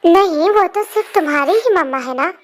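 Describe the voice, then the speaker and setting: Very high voice, soft pleading little boy, sweet and friendly, as a young performer plays him. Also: animated, fairly quick, a little hiss or hum. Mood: gentle. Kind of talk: amateur fan dub acting.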